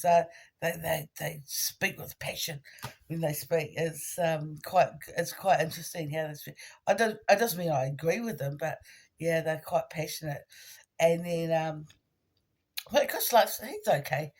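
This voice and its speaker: A woman, trying out informal stand-up comedy in a halting, giggly, conversational way. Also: sits low, slightly rough. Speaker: amateur comedian. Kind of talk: informal stand-up attempt for social media, casual rambling.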